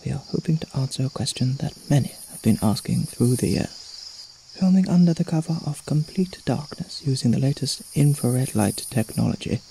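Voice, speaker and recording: A man delivers nature documentary narration in a dark, relaxed voice of medium pitch. He sounds earnest and measured, keeping to a hushed delivery. Faint cricket and woodland night noise sits behind him. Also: gravelly, poor audio.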